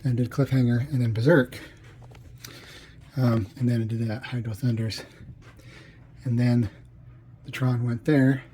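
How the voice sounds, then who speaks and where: A man's voice: mid-range voice, little pitch movement, measured pace, pauses often, mellow, slight background noise. A man giving a casual vlog tour of his home game room, chatty and rambling with lots of fillers, his voice a bit off after tonsil surgery. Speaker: arcade collector vlogger.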